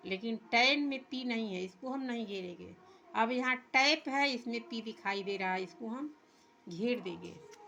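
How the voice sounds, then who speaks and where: Woman, teacher, step-by-step workbook lesson, higher voice, unhurried. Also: a bit bright. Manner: explains step by step, translating English words into Hindi; reads English lines very slowly. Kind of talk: workbook lesson for young children.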